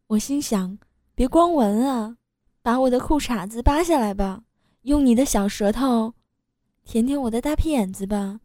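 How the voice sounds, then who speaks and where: A woman's voice: fairly high pitch, normal speed, dark tone, no echo, studio quality. A woman reading a first-person story aloud, in an earthy, matter-of-fact way. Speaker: story reader. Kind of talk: scripted first-person narration.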